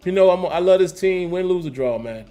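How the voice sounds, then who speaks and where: Brief: male stream host, casual sports talk, emphatic and repetitive, slightly higher voice, faint music bed. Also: lively intonation, fairly quick, warm tone. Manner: emphatic, repeats phrases, slangy. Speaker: host reading live chat. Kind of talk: casual livestream commentary.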